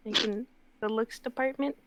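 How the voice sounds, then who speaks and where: A woman with a high voice plays her character at a tabletop game. She stalls and hedges, filling her lines with little fillers. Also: steady tone, a crowd in the background. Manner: halting, hesitant, full of fillers. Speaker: player.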